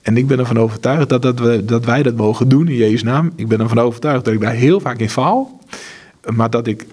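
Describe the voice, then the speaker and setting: A man's voice: medium pitch, a little fast, darkish tone, husky. A man, director of a charity, talking in an interview with earnest, faith-driven stories and many restarts. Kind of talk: conversational interview.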